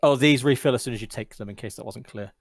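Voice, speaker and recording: A man's voice: mid-range voice, quick pace, dry recording, studio quality. Sweary man explaining board game rules. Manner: joking, sweary, guiding others through the rules. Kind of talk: casual gaming chat over voice call.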